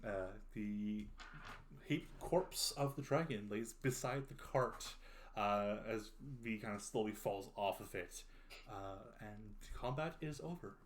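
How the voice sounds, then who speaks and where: A man's voice: lowish voice, slow, a little hiss or hum. A man acting as game master, improvising narration for a tabletop role-playing game among players.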